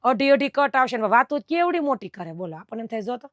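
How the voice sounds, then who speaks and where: A woman's voice: a little high, very animated, quick pace, a bit bright, dry recording, muffled recording. A middle-aged woman who runs a dress fabric shop, chatting at length to camera about fabric cuts and quoting her customers. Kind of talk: casual talk to camera explaining fabric cuts.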